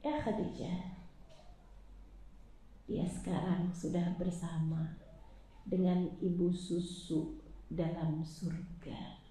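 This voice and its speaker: A woman voicing a gentle husband comforting his grieving wife, speaking softly and slowly. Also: on the low side, pitched below the performer's own voice. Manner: soft, slow and hushed. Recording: roomy echo.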